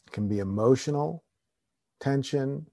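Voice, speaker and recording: A man guiding a meditation in a slow, calm, soothing way, with long pauses between phrases. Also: mid-range voice, vocal fry, no echo. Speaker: meditation teacher. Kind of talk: guided meditation.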